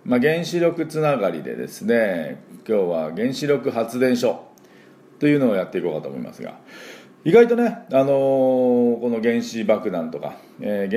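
A man hosts a daily spoken English lesson, chatting casually with plenty of fillers and stopping to say words aloud for listeners to copy. His voice sits low, yet his pitch rises and falls a great deal. The tone is soft and mellow rather than bright. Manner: chatty, filler-heavy, models pronunciation aloud. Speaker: English teacher and school principal.

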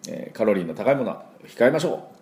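A Japanese man teaching English pronunciation in a weekly lesson, drilling words slowly with lots of pauses and fillers. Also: lowish voice, very animated, darkish tone. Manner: slow, repetitive drilling with many fillers.

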